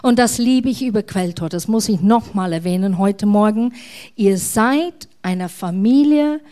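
A middle-aged woman pastor, preaching a sermon in a warm, conversational way. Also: medium pitch, unhurried.

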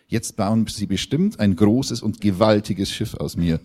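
A grand, ambitious tree picturing itself as a mighty ship, as a man reads it out. The voice is low and warm in a storybook telling. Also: a little slow. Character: strong tree dreaming of royal voyages.

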